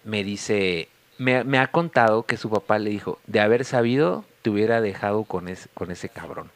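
A man's voice: fairly low pitch, moderate pace, no echo. A man in his thirties with a Mexican accent, talking frankly and easily as a podcast co-host over a remote call. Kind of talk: casual chat.

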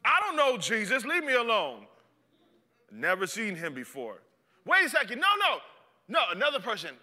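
A preacher playing a frantic disciple in denial. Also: male voice, high-pitched, huge pitch swings, fairly quick, big-room sound, full character voice. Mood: panicked. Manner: frantic, protesting, loud. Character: panicked male fisherman disciple denying everything.

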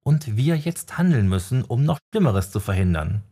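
A man voicing a sharp-tongued young woman necromancer in an audiobook, brisk and teasing. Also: mid-range voice, very animated, husky. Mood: urgent. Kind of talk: audiobook character voice.

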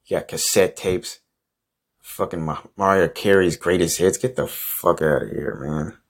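A man's voice: low voice, a little slow. A man hosting a comedy podcast, delivering an improvised monologue in a profane, exasperated, grumbling manner.

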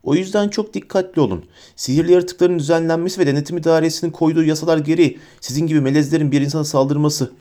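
Male reader doing a shrill, high, self-important middle-aged woman bureaucrat, bossy under the fear. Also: steady tone, racing, few pauses, dark tone, lightly acted. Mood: warning. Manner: haughty, frightened and bossy.

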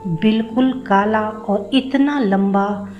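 A woman's voice: mid-range voice, slow, lo-fi sound, faint music behind, natural voice. A woman voicing a boastful one-legged former soldier who brags about his bravery. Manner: bragging, storytelling.

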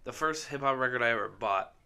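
A man co-hosting a casual podcast chat, rambling and halting with many fillers and restarts. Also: mid-range voice, sharp tone, clean tone. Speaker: podcast co-host. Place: indoor basement room.

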